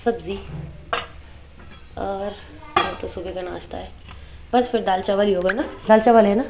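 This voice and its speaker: A woman in her thirties with a hoarse voice, chatting casually to viewers in a home vlog. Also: medium pitch, fairly even intonation, normal speed. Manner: chatty, addresses viewers directly. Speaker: vlogger. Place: at home, indoors. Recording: slightly dull lo-fi phone audio with faint noise.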